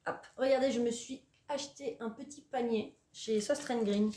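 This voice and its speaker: A woman's voice: a little high, steady tone, moderate pace, mellow, roomy sound. A young woman hosting a craft vlog from home, chatting casually with lots of hesitations and playful self-mocking asides. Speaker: knitting and sewing podcaster. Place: at home, indoors.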